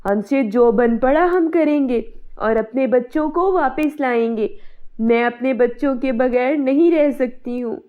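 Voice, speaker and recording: A woman's voice: high-pitched, lively intonation, a little slow. A woman voicing an anxious, emotional village wife and mother in a cartoon. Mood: distraught. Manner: pleading, emotional. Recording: dull, muffled sound.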